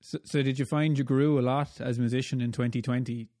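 A man with a mid-pitched voice hosts a laid-back interview. He talks in a friendly, chatty way and laughs easily between questions. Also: steady tone, quick pace, mellow. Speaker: interview host. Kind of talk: casual interview chat.

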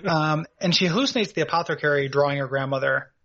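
A man's voice: on the high side, fast talker, a bit bright, muffled recording. A man co-hosting a podcast, chatting casually about a video game in a rambling way and laughing at his own jokes. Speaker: podcast co-host.

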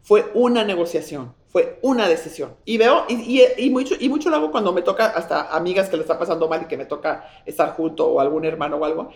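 A woman's voice: lowish voice, quick pace, hardly any pauses, reverberant. A woman with a Mexican accent, a guest chatting effusively and reflectively in an interview, often restarting her sentences. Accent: Mexican Spanish. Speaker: guest, businesswoman and author. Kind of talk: casual interview chat.

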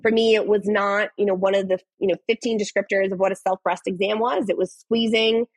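A young adult woman speaking as a podcast guest, earnest and animated, often restarting her sentences. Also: medium pitch, a little fast, no room sound, rough recording. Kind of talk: casual interview conversation.

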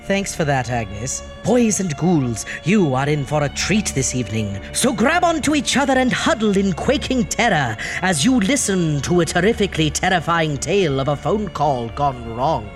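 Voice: medium pitch, very animated, normal speed, few pauses, natural voice. Actor doing campy ghoul doctor guy hosting a spooky radio show, hammy showman, very swoopy delivery, bit of music. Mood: hammy, mock-polite. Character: theatrical male ghoulish horror host, campy doctor. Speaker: host. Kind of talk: campy horror anthology introduction.

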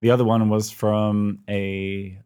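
Slow and flat in delivery, this middle-aged man from the UK co-hosts a podcast over a remote call in a fairly low, smooth, darkish voice. There's no room sound. He speaks casually with many ums and a dry, self-mocking wit.

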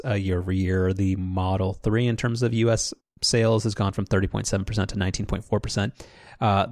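A man's voice: fairly low pitch, a little mellow, no room sound. A man co-hosting a podcast, rambling casually with restarts and dry sarcasm. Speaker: podcast co-host.

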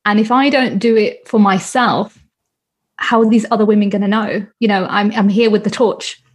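A woman's voice: medium pitch, steady tone, moderate pace. A British woman in her thirties, a guest and healing coach, talking earnestly in a casual interview and repeating her points with emphasis. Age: 30s. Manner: earnest, emphatic, repeats phrases, laughs often.

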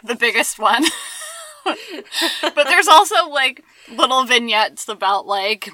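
Young woman, slight lisp, wry giggly podcast chat, sharp bright tone, dry close sound. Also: high voice, expressive, slow pace, dry recording. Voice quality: slight lisp from dental aligners. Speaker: podcast co-host. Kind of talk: casual sarcastic chat.

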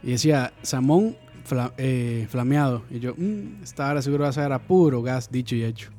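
A man's voice: medium pitch, moderate pace, dark tone, faint music behind. A man co-hosting a podcast, telling stories in a laid-back, chatty way. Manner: laid-back storytelling, says ma often. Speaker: podcast co-host. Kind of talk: casual chat.

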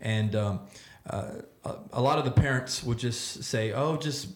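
A man hosting a casual round-table discussion, speaking haltingly and often repeating words as he works toward his point. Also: mid-range voice. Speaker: podcast host and church leader. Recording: roomy, echoey sound.

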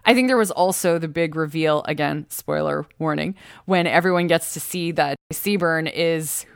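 A woman's voice: low voice, normal speed, vocal fry, clear, resonant tone, no echo, studio quality. A woman co-hosting a casual chat, opinionated and playful. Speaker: podcast co-host.

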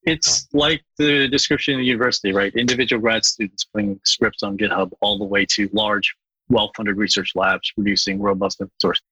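A man's voice: fairly low pitch, steady tone, brisk, bright, forceful tone, breathy edge, dry recording, muffled recording. A middle-aged man from Bangladesh, a guest in a podcast interview, speaking earnestly and thoughtfully with frequent restarts.

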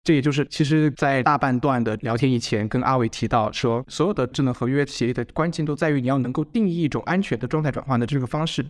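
A man with a mid-range voice explains technical material as a podcast guest. He talks quickly and methodically, rephrasing points as he builds them up. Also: medium pitch.

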